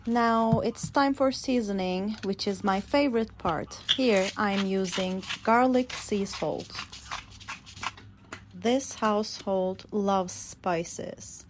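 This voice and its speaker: With background noise behind her, a woman with a mid-range voice slowly narrates a cooking video. She's an English teacher whose first language is Turkish, and she explains each step in simple, plain sentences for language learners.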